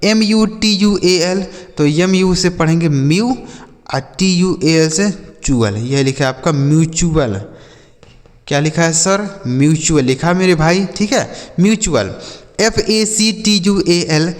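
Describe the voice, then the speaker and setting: A man teaches English in a video lesson and keeps asking questions that he then answers himself. His voice sits somewhat high and he spells each word out one letter at a time. A long reverb trails behind his speech. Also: expressive, measured pace. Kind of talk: YouTube classroom lesson.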